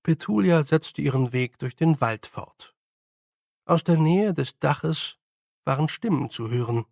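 A man narrating a storybook in a measured, expressive way. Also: on the high side, gravelly, no echo, clean studio sound. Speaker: audiobook narrator.

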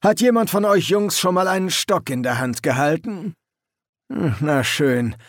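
Man as gruff drill sergeant: loud, barking, pitched up above his own voice. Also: lively intonation, unhurried, no room sound, studio quality. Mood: probing. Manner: barking, commanding.

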